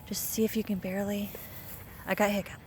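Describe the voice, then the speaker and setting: A woman's voice: mid-range voice, flat delivery, brisk, a little hiss or hum. A woman filming her dog outdoors at night on her phone, talking casually, squealing, laughing and scolding as she goes. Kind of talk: casual home video chat. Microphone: handheld phone.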